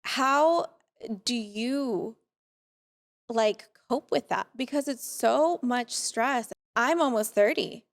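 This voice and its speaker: A woman's voice: on the high side, slow, gravelly. Chatty twenty-something woman host. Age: 20s. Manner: chatty, relatable, asks open questions. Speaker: podcast host. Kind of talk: casual conversation.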